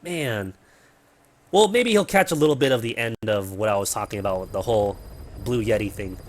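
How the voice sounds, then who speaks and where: A man's voice: on the low side, brisk, a little hiss or hum. A man hosting a gaming livestream from his apartment, chatting casually and rambling with fillers and the odd swear word, his cheap mic close to his mouth. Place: home apartment.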